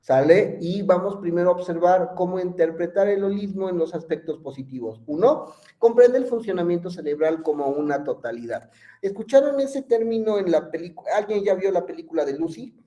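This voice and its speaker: Guy teaching psych class online, warm low-key voice, keeps asking the students stuff. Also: lively intonation, a little fast. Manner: conversational, asks students questions, many fillers. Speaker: psychology lecturer.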